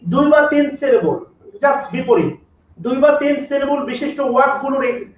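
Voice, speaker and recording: A man's voice: very high voice, expressive, normal speed. A man teaching English grammar in a live online class, repeating each rule and asking students to comment to confirm they understand. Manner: repetitive, drills rules and asks students to comment. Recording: echoey room, distant mic, dull lo-fi sound.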